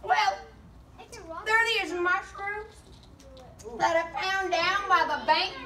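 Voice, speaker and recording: A woman playing a goofy explorer sidekick in a church kids' skit, with a squeaky, very high put-on voice and giggles through her telling. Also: fairly even intonation, takes it slowly, heavily acted. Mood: giggly storytelling. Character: goofy, giggly explorer sidekick who snacks on bugs and mushrooms. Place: large church hall. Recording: echoey hall, far mic, loud kid audience.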